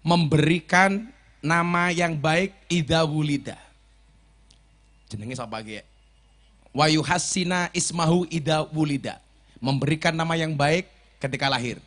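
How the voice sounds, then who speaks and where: A man's voice: on the high side, unhurried, pauses often, a bit bright. Joking Javanese-accented male preacher. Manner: joking, switching between Indonesian and Javanese, teasing the audience. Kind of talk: comic sermon to a live crowd.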